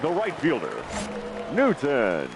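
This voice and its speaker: Stadium PA announcer over loudspeakers. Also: male voice, wildly swooping pitch, vocal fry, loud music behind the voice, over a noisy crowd, exaggerated voice. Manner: slow, drawn-out announcing of names with big swoops in pitch. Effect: booming through stadium loudspeakers, heard from afar. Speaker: ballpark public address announcer.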